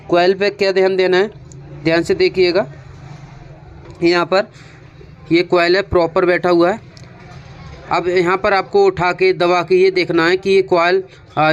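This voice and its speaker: A technician with an Indian accent narrates a hands-on repair tutorial, explaining each step conversationally and frequently repeating his instructions. His voice sits high, the audio is dull, and there's clearly noticeable background noise.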